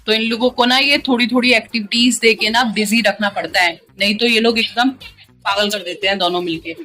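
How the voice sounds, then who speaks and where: High-voiced mom coaxing her kids. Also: fairly even intonation, fairly quick, sharp tone, faint music behind. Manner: coaxing and scolding small children, playful mock threats. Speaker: mother vlogging her day with three young children. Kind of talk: casual home vlog, talking to camera and to her kids. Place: at home, indoors.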